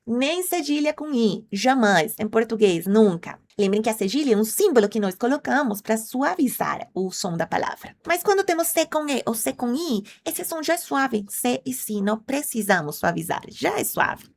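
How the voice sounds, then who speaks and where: Speaking at a moderate pace with hardly any pauses, a woman with a high, sing-song voice teaches Portuguese in an online class. Spanish is her first language, and she explains clearly and patiently, drilling conjugations and quizzing her audience directly.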